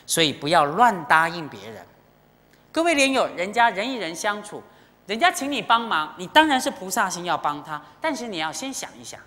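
A Buddhist dharma teacher giving an animated sermon in a temple, telling stories with feeling and often turning to the audience directly. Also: mid-range voice, fairly quick. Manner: animated, emotional storytelling with direct appeals. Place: temple lecture hall. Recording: long hall reverb.

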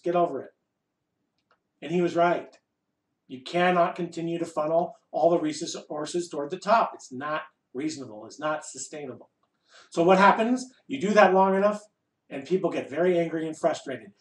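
A man with a high voice leads a group satsang as a spiritual teacher, giving an informal discourse in a wry, playful, emphatic way. He pauses deliberately between short phrases and poses rhetorical questions, then answers them himself. The room echoes, and his voice is distant from the mic.

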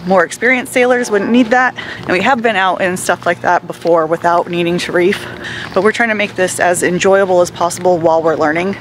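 A woman's voice: lowish voice, fairly even intonation, a little fast, slight background noise, rough recording. A woman in her thirties, talking candidly to a handheld camera while out sailing on a small boat. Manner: chatty, candid about nerves. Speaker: vlogger learning to sail. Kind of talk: casual vlog narration. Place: small sailboat out on open water. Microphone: phone camera at arm's length.

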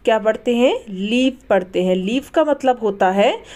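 A woman's voice: fairly high pitch, animated, moderate pace, warm tone. A woman with an Indian accent teaching English words, spelling each one, asking what it is read as and answering herself. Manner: spells each word letter by letter, then asks and answers it. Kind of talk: slow vocabulary lesson.

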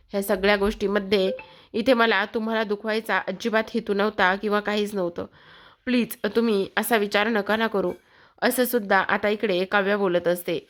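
A woman retelling a TV serial episode for her viewers, in a steady storytelling manner with many fillers. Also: medium pitch. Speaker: serial recap narrator.

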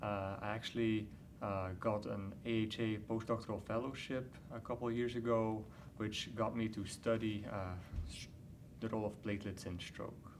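Belgian-raised man, low flat voice. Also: noisy background. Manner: measured, explanatory, frequent uh fillers. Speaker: award-winning researcher, interviewee. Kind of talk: scientific interview. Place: conference interview booth, indoors.

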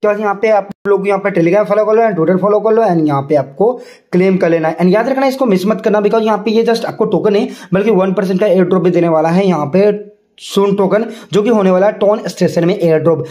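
A man's voice: sits high, fairly quick, mellow. A man giving a casual, chatty screen-walkthrough explainer, talking straight to his viewers in an insistent tone and mixing in English words. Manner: chatty, repeats filler phrases, mixes in English words; insistent, direct address to viewers. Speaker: crypto YouTuber.

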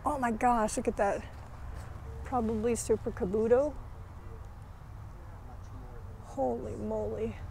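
An enthusiastic woman wanders an outdoor nursery, chatting away and thinking out loud. Her voice is mellow and warm, sitting a little high, caught on a phone camera with a faint outdoor hum behind her. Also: fairly even intonation, normal speed, vocal fry. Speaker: plant vlogger. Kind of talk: casual walkthrough narration.

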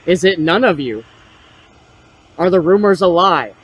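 Husky, higher-pitched man hunting ghosts. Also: lively intonation, measured pace, a bit bright. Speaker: ghost-hunting vlog host. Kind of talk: paranormal investigation, addressing spirits with questions. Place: outdoors in a cemetery at night.

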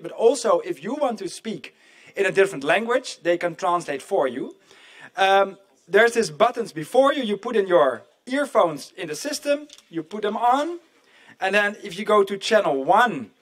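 A middle-aged man hosting a live conference event, his voice sitting high. He keeps it casual and jokey and talks straight to the people in the room. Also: a bit bright. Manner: chatty, jokey, addresses the audience directly. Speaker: event moderator. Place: conference hall.

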